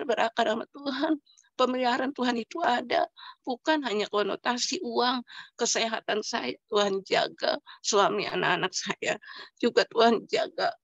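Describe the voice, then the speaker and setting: A woman's voice: on the high side, gravelly, no echo, muffled recording. Middle-aged woman giving an earnest testimony. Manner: earnest, emphatic, with swells of feeling. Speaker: church member giving a testimony. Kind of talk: personal faith testimony. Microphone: video call.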